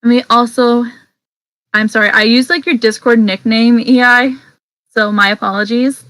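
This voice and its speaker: A woman's voice: fairly high pitch, fairly even intonation, moderate pace, a bit bright, dry recording, low-quality recording. A woman hosting an online convention opening over a video call, chatty and teasing as she introduces the staff. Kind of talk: casual online call chat.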